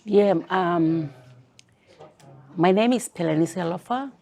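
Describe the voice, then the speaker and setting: An older woman from Kiribati who grew up in Fiji, speaking as an interview guest about her activism, thoughtful and pausing often to restart her sentences. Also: fairly low pitch, creaky, warm tone. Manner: thoughtful, with many pauses and restarts. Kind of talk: conversational interview.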